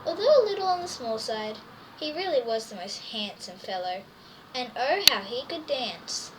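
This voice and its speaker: This female reader's voice is a little high, with lively intonation and a moderate pace, as she expressively shares a children's story full of wonder and exclamations for young listeners. It's a distant recording with faint background noise.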